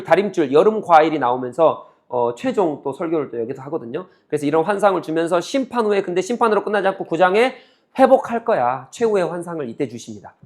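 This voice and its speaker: A man with a fairly high voice preaches a teaching sermon to his congregation. He keeps asking questions and answering them himself, and he acts out the quoted voices in a lively back-and-forth. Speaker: pastor. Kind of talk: sermon teaching on a Bible book.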